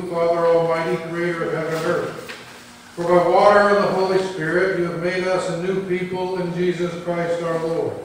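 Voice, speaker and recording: A man leading a communion service as priest, reciting prayers in a steady, measured way, with a cathedral echo. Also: high-pitched, a little hiss or hum. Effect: cathedral echo, heard from far off. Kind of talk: liturgical prayer. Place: large church. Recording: echoey large church, distant mic.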